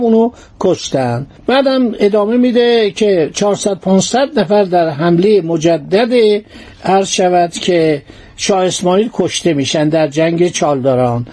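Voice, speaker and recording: A man telling a historical story in a lively way, mixing old formal phrasing with casual speech. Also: high voice.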